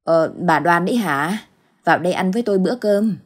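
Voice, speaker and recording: A woman voicing a frail, gentle elderly grandmother in an audio ghost story, with soft, halting speech and a husky voice. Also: lowish voice, animated.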